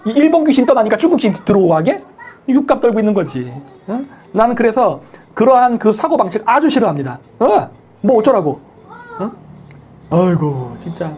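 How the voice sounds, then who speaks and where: A woman hosts a live commentary stream, mocking and combative, firing off one rhetorical question after another. Her voice sits a little high and swings widely in pitch, with a mellow, slightly husky tone. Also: sing-song, fairly quick, slight background noise. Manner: combative, sarcastic, full of rhetorical questions and coarse insults. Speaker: livestream host thanking viewers for donations. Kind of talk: opinionated political commentary stream.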